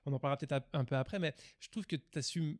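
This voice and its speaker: A man hosting a casual podcast interview, asking relaxed, halting questions with many restarts. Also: fairly high pitch. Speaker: podcast host.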